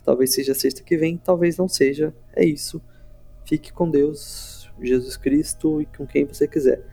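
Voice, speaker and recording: A man's voice: a little high, fairly even intonation, moderate pace, vocal fry, dark tone, faint music behind. A man with a Brazilian accent co-hosting a podcast in casual, playful conversation. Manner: informal, playful. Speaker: podcast co-host. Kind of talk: casual chat.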